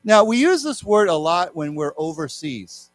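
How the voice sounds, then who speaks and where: A man's voice: fairly high pitch, big pitch swings, normal speed, no room sound. Man teaching english vocabulary to a class. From Taiwan. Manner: explains words, has the class repeat them. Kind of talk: live classroom lecture. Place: lecture room.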